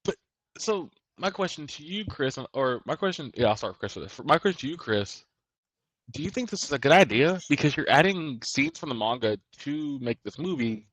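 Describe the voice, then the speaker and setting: A man's voice: fairly high pitch, big pitch swings, normal speed, a bit bright, no room sound, low-quality recording. A man co-hosting a podcast, talking casually and rambling, often restarting his sentences. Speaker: podcast co-host. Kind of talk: casual chat.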